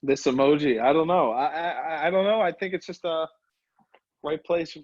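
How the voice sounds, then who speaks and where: A man's voice: a little high, normal speed, no echo, lo-fi sound. A man who wrestles professionally, telling backstage stories in a casual interview over a video call and acting out what others said. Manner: animated storyteller, acts out others' lines.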